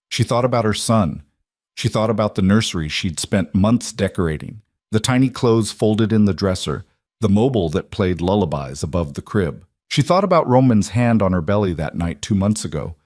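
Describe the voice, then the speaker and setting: Low-voiced man narrating a dramatic story. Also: a little mellow, dry recording, clean studio sound.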